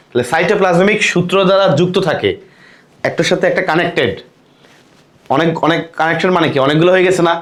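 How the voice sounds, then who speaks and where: A man's voice: on the high side, a bit bright. A young man tutoring biology for exams, asking questions and repeating the answers to drill them. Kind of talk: exam-prep lecture.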